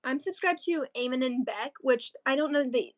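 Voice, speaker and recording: A woman's voice: sits high, expressive, moderate pace. A teenage girl co-hosting a crafting livestream, chatting casually and rambling with lots of fillers. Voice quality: chatty, rambling with many likes and ums. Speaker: co-host of a crochet livestream.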